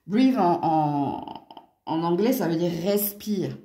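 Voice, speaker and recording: A woman's voice: fairly low pitch, slow, mellow. A woman with a Franche-Comté accent giving a casual tarot and astrology reading from home, chatty and full of little exclamations and hein tags. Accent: Franche-Comté French. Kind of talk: casual card reading for viewers. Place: at home near a window. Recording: roomy echo.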